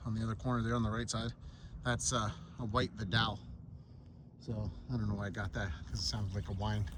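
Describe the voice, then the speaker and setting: A man walking around his garden and pond outdoors, a little out of breath, talking in a rambling, relaxed way with many fillers while filming. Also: lowish voice, a little hiss or hum. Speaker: permaculture vlogger. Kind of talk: casual walk-and-talk vlog.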